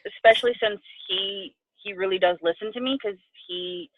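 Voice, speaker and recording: A woman's voice: medium pitch, moderate pace, a little hiss or hum. A Puerto Rican woman, a coaching client, talking effusively and sometimes tearfully in a video-call interview. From Puerto Rico. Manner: effusive, gushing, tearful at times. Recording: tinny phone-like line.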